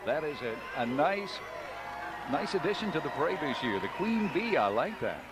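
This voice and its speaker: A man's voice: fairly high pitch, sing-song, normal speed, over a noisy crowd, very noisy. An American man working as a parade commentator, co-hosting a live broadcast with scripted copy and joking ad-libs. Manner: jokey banter. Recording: outdoor street broadcast, music behind.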